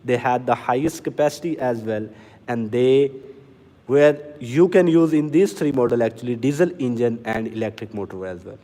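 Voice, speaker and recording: A man hosting a livestream to sell farm machinery, talking slowly and earnestly and answering viewer comments. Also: mid-range voice, animated, dark tone, long reverb tail. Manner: deliberately slow, earnest, reads out comments. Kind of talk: casual livestream talk to viewers. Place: inside a factory or showroom.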